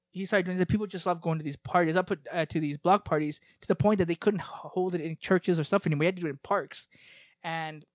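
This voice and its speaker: A man's voice: fairly high pitch, no echo, studio quality. A man in casual chat, explaining at length with many restarts and fillers.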